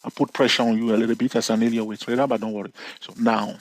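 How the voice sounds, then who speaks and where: This husky-voiced man is a fast talker with little pitch movement overall, teaching a casual chart lesson over screen share as a trading educator, with no echo. Still, he teases playfully, checks in constantly with "okay?" and "all right?" while addressing viewers directly, and lets his pitch spike suddenly for emphasis.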